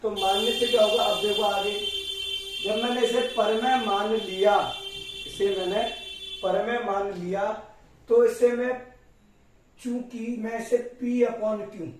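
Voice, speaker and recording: Unhurried and steady, a math teacher with a voice that sits high walks his class through the lesson at the board step by step. He fondly keeps calling the students "beta." Slight background noise accompanies the very echoey, distant recording.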